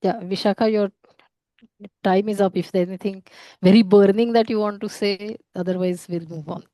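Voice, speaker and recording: A woman moderating an online panel in a brisk, polite way. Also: mid-range voice, fairly even intonation, warm tone, no echo.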